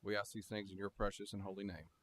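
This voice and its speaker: A man's voice: on the low side, flat delivery, quick pace, background noise. A man leading a formal public prayer in reverent, set phrases. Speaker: fire chief leading a prayer. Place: town council meeting room.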